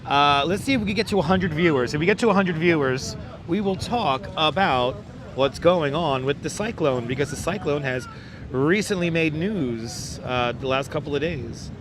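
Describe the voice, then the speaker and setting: Crowd noise joins faint traffic and city ambience as a hoarse host livestreams by phone from a beach boardwalk, repeatedly welcoming viewers by name. He talks at normal speed in a crackly, squeaky voice into a wireless clip-on mic.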